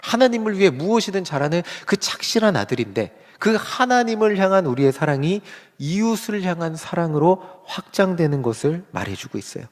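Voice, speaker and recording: A man's voice: sits high, sing-song, fairly quick, hardly any pauses, big-room sound. A man preaching a sermon as pastor, who asks his congregation questions as he goes. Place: church sanctuary.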